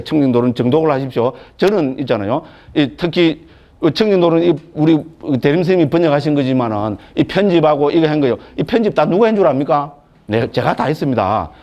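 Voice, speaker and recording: Lively monk lecturing. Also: male voice, fairly high pitch. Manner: chatty, joking, full of rhetorical questions. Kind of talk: lecture on Buddhist scripture.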